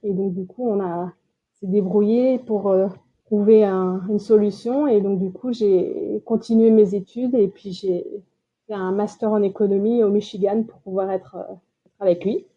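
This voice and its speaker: A woman's voice: mid-range voice, fairly even intonation, normal speed, breathy edge. A French woman in her late thirties, a podcast guest chatting casually, talking with lots of fillers and restarts. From France. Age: 30s. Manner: chatty, many fillers and restarts, laughs easily. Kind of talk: casual interview chat. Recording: tinny phone-like line.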